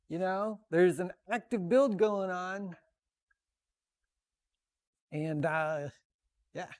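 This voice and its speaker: In a makerspace woodworking and tool shop, a high-pitched man gives an informal walk-around tech demo, halting and thinking aloud as he goes. He's recorded on a wireless lavalier in the noisy workshop, sometimes switching to a built-in computer mic.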